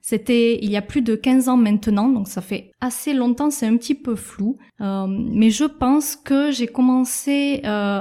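Mellow-voiced woman, calm podcast co-host. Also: on the high side. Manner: measured, explanatory, with soft hesitations. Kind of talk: casual podcast chat.

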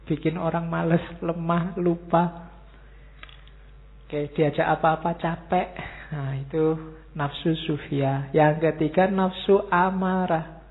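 A man, teaching a philosophy study session in a relaxed, joking way. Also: on the high side, slow, pauses often. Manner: relaxed, joking, speaks to the class as "kalian". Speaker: religious teacher. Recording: tinny phone-like sound.

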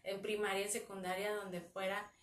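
Calm Mexican woman explaining as psychologist. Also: medium pitch, moderate pace. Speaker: psychologist guest. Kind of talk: casual chat. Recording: echoey room, somewhat far from mic, faint noise.

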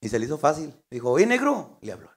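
A man's voice: medium pitch, lively intonation, rapid-fire, darkish tone, slightly rough. A man with a northern Mexican accent, hosting a casual chat and telling a crude joke, acting out the voices in it. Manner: crude slangy storyteller, acts out voices.

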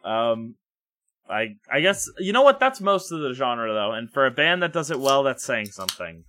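A man chatting casually about metal albums on a podcast, relaxed and wry, with lots of fillers. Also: mid-range voice, normal speed, no echo. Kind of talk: casual music review chat.

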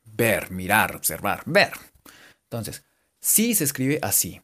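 A man giving a casual, joking English lesson and repeating English words slowly for his students. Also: on the low side, wildly swooping pitch, noisy background. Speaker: English teacher. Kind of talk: casual bilingual language lesson.

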